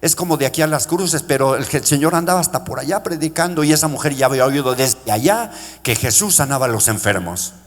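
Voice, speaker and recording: A middle-aged male pastor preaching a sermon with passion, calling out to his congregation and lifting his voice high when he quotes cries for mercy. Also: expressive, quick pace. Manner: impassioned preaching, pitch rising into shouted quotes; addresses congregation as brothers. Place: church sanctuary. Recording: long church-hall reverb.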